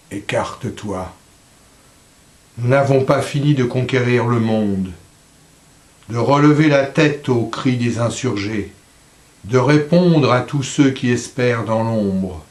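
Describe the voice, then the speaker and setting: A man reciting poetry in a slow, solemn voice, letting line endings drop softly. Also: mid-range voice, roomy sound. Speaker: poetry reader.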